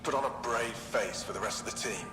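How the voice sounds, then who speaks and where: A man's voice: mid-range voice, brisk, natural voice. An actor playing a grim, gloomy male colonist recording a log in a video game. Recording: game audio log with room echo and music.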